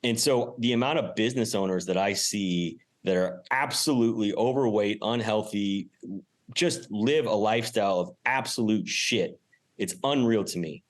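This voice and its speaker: A real estate investor and business owner, appearing as a podcast guest, talks about his own experience in casual, emphatic, informal speech with mild swearing. His voice is fairly low in pitch and his pace normal.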